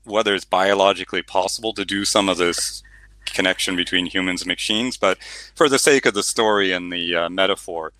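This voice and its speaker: A middle-aged novelist, appearing as a guest, speaks casually about his book in an interview, full of fillers and restarts, before reading a passage aloud. His deep voice sounds pushed and bright, fairly quick, with no echo, though the recording quality is low.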